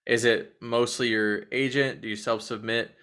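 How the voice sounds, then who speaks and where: A man's voice: mid-range voice, fairly even intonation, moderate pace, a bit bright, clean tone. A man hosting an interview, asking hesitant questions with fillers. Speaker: interview host.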